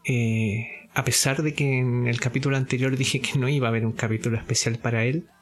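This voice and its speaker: A man giving a spoken lesson, explaining step by step, often pausing on fillers, repeating himself and checking that listeners follow. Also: medium pitch, steady tone, soft background music. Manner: deliberate, explaining step by step with frequent checks for understanding; hesitant fillers and self-repeats. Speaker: course teacher.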